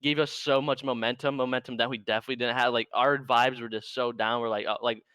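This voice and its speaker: Laid-back man with a smooth, dry voice. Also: medium pitch, steady tone, fast talker, bright, forceful tone, dry recording. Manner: laid-back, says "like" constantly. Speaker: guest. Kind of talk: casual chat.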